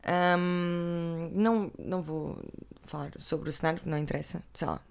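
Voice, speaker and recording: A woman's voice: lowish voice, steady tone, normal speed, creaky, clean tone. A woman with a European Portuguese accent chatting casually to viewers, rambling and breaking off with asides. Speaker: vlogger. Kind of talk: casual chat about TV.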